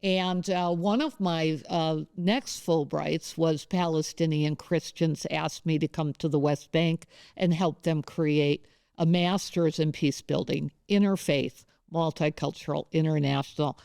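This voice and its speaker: A woman's voice: deep voice, steady tone, a little slow, creaky, a little mellow, smooth, dry recording, clean studio sound. A woman professor interviewing a colleague, talking in a rambling, conversational way with many asides. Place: campus studio.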